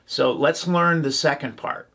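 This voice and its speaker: Gravelly and sharp in tone, a man's fairly high voice moves at a measured pace as he teaches ukulele. He calls out chords and strums and chants rhythm syllables, with ukulele playing beneath his instruction.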